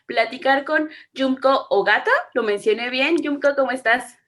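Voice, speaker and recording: A woman's voice: high voice, normal speed, a bit bright. A young woman from Mexico hosting an interview, friendly and conversational, often checking in with a tag question. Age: young adult.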